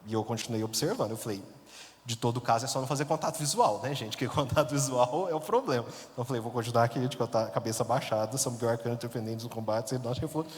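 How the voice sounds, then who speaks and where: A priest from the interior of Minas Gerais, with a Minas accent, telling a story in a sermon in a chatty, self-mocking way and laughing often. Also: male voice, mid-range voice, racing. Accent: Minas Gerais Brazilian Portuguese. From interior of Minas Gerais, Brazil. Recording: long hall reverb.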